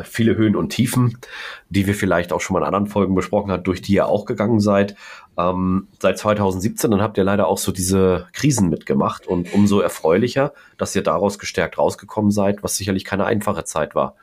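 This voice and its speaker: A man's voice: low-pitched, brisk. A man hosting a podcast interview, welcoming his guests with effusive enthusiasm. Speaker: podcast host.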